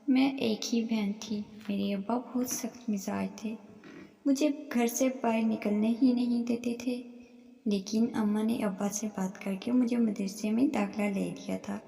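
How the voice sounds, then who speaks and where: A woman narrating a first-person story in slow, measured storytelling. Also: fairly high pitch, gravelly, warm tone. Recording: echoey room with long reverb.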